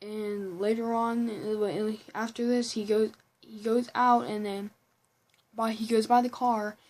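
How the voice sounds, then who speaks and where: A woman's voice: fairly high pitch, little pitch movement, slow, darkish tone, rough recording. A woman giving a casual, rambling movie review at home, often restarting sentences and breaking into giggly asides. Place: room at home with a computer behind her.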